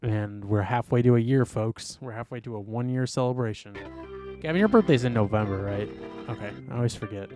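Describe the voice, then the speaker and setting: With music playing in the background, a young podcast co-host talks fairly quickly at medium pitch, rambling in casual chat and swearing a lot. He uses many fillers. He comes across animated and rambling, cursing freely.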